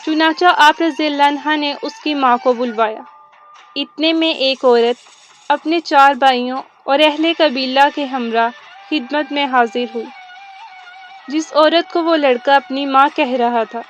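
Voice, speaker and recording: A woman's voice: high-pitched, soft background music. A woman narrating a religious story from a script, in a formal, reverent storytelling manner.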